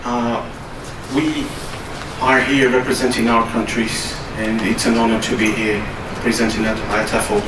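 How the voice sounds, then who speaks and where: Man, native Portuguese speaker, formal conference presentation, halting delivery, mid pitch, distant hall recording. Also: flat delivery, noisy background. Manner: measured, with frequent hesitations.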